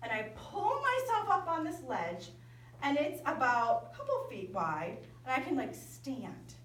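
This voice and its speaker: A woman camp speaker telling a story in a lively sermon to young people. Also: high voice, unhurried. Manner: lively, animated storytelling with quoted dialogue. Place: large indoor hall at a winter camp. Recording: echoey hall from far off.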